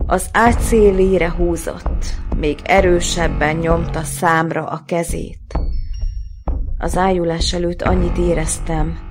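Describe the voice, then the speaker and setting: A woman reads her own prose in a slow, measured, grave manner, her voice sitting a little low. Soft music plays faintly underneath. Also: steady tone. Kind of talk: literary reading.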